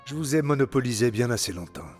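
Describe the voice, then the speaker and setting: A man's voice: mid-range voice, animated, fast talker, a little mellow, faint music behind, lightly acted. An actor playing an earnest, curious young male hero in a French video game dub, asking plenty of questions. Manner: inquisitive, earnest.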